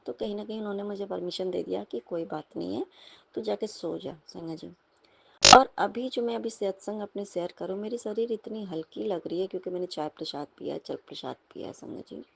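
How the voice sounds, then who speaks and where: Devotional storyteller: young woman, gravelly low-clarity voice, earnest and personal. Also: darkish tone. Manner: earnest, repeatedly addressing the listeners as sangat ji. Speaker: satsang speaker. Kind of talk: devotional sharing of personal experiences.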